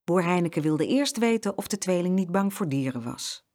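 A woman narrating a children's storybook with clear, expressive storytelling. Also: on the low side, normal speed.

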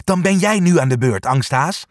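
A bossy, determined storybook dog, as a man voices him, raised a little above the reader's own voice. He urges and commands the others with lively, swinging intonation. Slow, unhurried and dry-sounding. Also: fairly high pitch, no echo, voice pushed up, natural voice. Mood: urging. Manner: urging, commanding. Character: brave, bossy male dog, leader of the group.

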